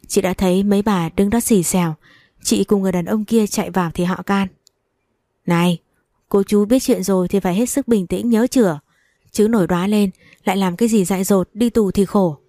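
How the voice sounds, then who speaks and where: A woman narrating an audiobook story, giving the characters' dialogue lively voices. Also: medium pitch, no echo, studio quality. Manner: storytelling, voicing angry and pleading characters in dialogue.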